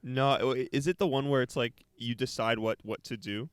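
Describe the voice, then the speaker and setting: A young man co-hosting a podcast in casual chat, chatty and quick to laugh, often trailing off mid-sentence. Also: medium pitch, steady tone, clear, resonant tone, dry recording, studio quality. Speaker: podcast co-host.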